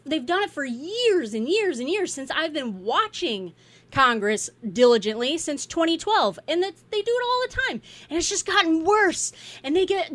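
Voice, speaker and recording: A woman's voice: high-pitched, a bit bright, no echo. A woman giving a blunt, profane, exasperated political rant in a casual, unscripted way. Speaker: political commentator.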